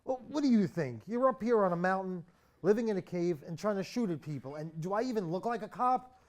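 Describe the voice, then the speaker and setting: A man's voice: high-pitched, animated, a little fast. A young man playing a cowardly, irresponsible slacker in a naturalistic comic drama, whiny and pleading as he babbles. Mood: indignant, nervous.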